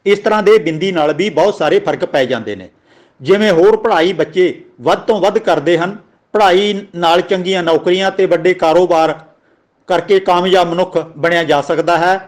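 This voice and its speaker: A man with a Punjabi accent giving a religious grammar lesson, slowly spelling out words and their pronunciation. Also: sits high. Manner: slow, deliberate, spells out words letter by letter. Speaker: teacher of scripture grammar.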